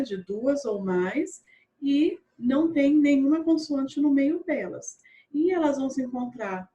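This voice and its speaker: Woman, primary teacher, slightly high voice, patient, repeats words slowly, checks in with kids. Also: mellow, dull audio. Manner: checks in with pupils often. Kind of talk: recorded online grammar lesson.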